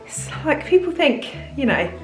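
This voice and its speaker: A woman's voice: high voice, big pitch swings, normal speed, reverberant, faint music behind, rough recording. A British woman in her thirties chatting candidly in a casual food vlog from her home kitchen, laughing easily as she talks. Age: 30s. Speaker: diet plan consultant and vlogger.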